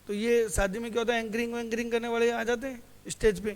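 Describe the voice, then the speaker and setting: A man's voice: very high voice, flat delivery, fast talker, clean tone. A male teacher giving a classroom lecture who keeps asking his students questions, answers them himself, and calls them "beta". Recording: hall reverb.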